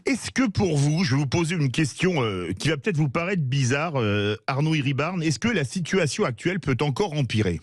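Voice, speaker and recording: A man hosting a sports radio talk show, introducing guests and asking questions in a measured way, sometimes correcting himself. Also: on the high side, sing-song, dry recording, clean studio sound. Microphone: studio microphone.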